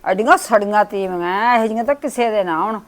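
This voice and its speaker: A woman's voice: medium pitch, brisk, close to an everyday voice. A woman playing an elderly mother who scolds her daughters-in-law, with a Punjabi accent. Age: older. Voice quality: scolding, rustic. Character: old mother, sharp-tongued toward daughters-in-law. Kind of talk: village family skit acting.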